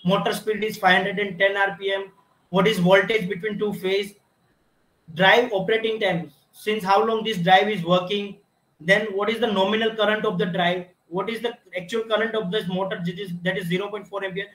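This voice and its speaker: Speaking briskly in a high, somewhat bright voice with fairly even intonation, a man leads a step-by-step technical demonstration as the instructor. He restarts often and keeps repeating "you can see." It takes place in an equipment-filled automation lab, recorded in an echoey room.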